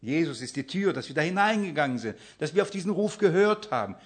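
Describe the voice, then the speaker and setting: A man preaching, asking the congregation questions and answering them himself, swinging between loud emphasis and hushed near-whispers. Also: a little high, expressive, fast talker, husky. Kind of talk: sermon with Bible reading.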